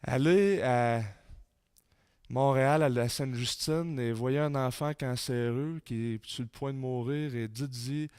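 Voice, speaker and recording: A man with a Québécois French accent giving a sermon-style talk in a church, reading quotes with rising force and dropping low for emphasis. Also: a little slow, a little mellow, smooth, dry recording, studio quality. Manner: reads quotes aloud with rising intensity, drops low for emphasis. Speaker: conference speaker.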